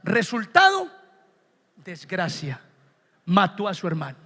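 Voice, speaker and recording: A pastor preaches in an emphatic sermon style, swinging between quiet stresses and loud bursts. His voice sits very high for a man and rings bright and sharp. A long church reverb trails behind every phrase. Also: huge pitch swings, takes it slowly. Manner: emphatic, swings from soft to shouting.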